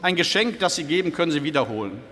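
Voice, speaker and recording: A man preaching a sermon in a church, slow and reflective, posing question after question to the congregation. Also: on the high side, lively intonation, pushed and bright, slight background noise. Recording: church hall with long reverb.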